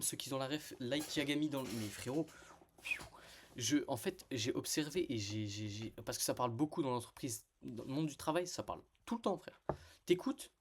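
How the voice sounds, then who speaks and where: A man's voice: mid-range voice, slight background noise. A young man telling a personal story to camera in casual, slangy French, rambling with many fillers and restarts. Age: young adult.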